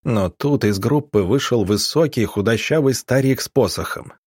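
A man reading an audiobook in a measured, steady storytelling voice, recorded on a close studio mic. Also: medium pitch, slightly rough, no room sound. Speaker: audiobook narrator. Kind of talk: scripted narration.

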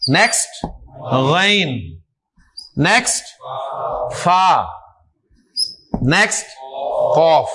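A man's voice: on the high side, a bit bright, poor audio. A man teaching Arabic letters to a class, drilling students with repeated prompts and frequent checks that they follow. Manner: coaxing, repetitive, frequent checks for understanding.

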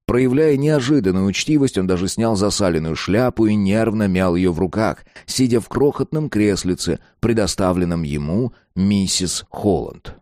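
A man narrating an audiobook in a steady, even storytelling manner. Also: fairly low pitch, moderate pace, hardly any pauses, no room sound, clean studio sound.

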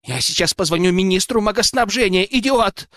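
A man voicing an arrogant, hot-tempered young nobleman with a shrill, nasty high voice, shouting and sneering in an audiobook. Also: a little fast, no echo, studio quality. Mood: threatening.

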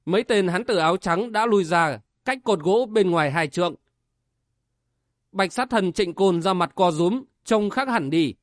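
A man's voice: high-pitched, lively intonation, a little slow, no echo, clean studio sound. A man narrating a martial-arts novel as an audiobook with vivid, dramatic storytelling.

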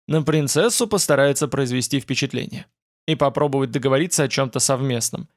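A man's voice: mid-range voice, a little fast, no echo, clean studio sound, close to an everyday voice. A male audiobook narrator voicing a brash, boastful young companion in a fantasy story. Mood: cocky, boastful.

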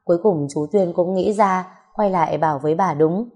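A woman narrating an audiobook story in a calm, reflective manner. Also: on the low side, moderate pace.

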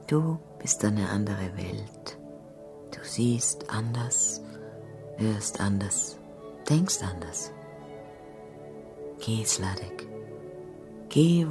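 An actress in a radio play voicing a weary older woman who is remorseful, speaking in a hushed, broken way and often whispering. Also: a bass voice, expressive, takes it slowly, creaky, long pauses, music in the background, full character voice. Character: weary older woman, remorseful, letting her young lover go.

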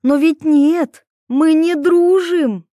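A fiery young woman, quick to boil, snaps back in a high, loud, mocking voice, as a female reader puts her on. The sound is dry and close, with no room around it. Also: dry recording, lightly acted. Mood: heated, mocking.

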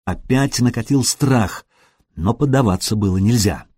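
A man reading an adventure novel aloud as a studio audiobook, in an expressive style that briefly acts out the characters. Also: fairly low pitch, a little slow, husky, no echo. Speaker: audiobook narrator. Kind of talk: scripted audiobook narration.

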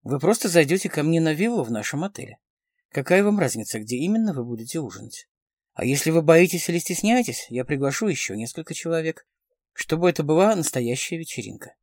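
A man reads the part of a smooth, confident man of about forty with a pleasant baritone, sounding suave. His delivery is sing-song, quick and a little mellow, captured in a dry, close recording.

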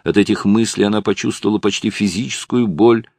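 Deep, gravelly male audiobook narrator. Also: steady tone, brisk, a little mellow, dry recording, studio quality. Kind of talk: scripted narration.

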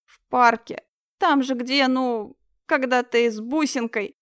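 A woman's voice: high voice, slow, smooth, dry recording, clean studio sound, voice pushed up. A woman voicing a sobbing elderly neighbor. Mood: grief-stricken. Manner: sobbing, broken.

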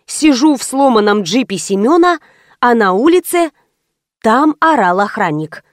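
A woman narrating an audiobook in the first person, with lively, ironic storytelling. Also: fairly high pitch, unhurried, no echo, studio quality.

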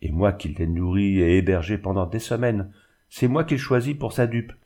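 A man voicing a terse, hot-tempered middle-aged male charcoal burner who speaks curtly and gruffly, in a storybook reading. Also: lowish voice, normal speed, mellow, lightly acted. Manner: curt, gruff.

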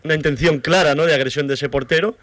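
A man from Sabadell fires off rapid, pointed questions at another pundit. His voice sits a little high, and the studio sound is dry and close. He comes across as teasing in a casual radio panel. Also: fairly even intonation, fairly bright tone, no room sound. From Sabadell, Spain. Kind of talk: casual sports radio banter.

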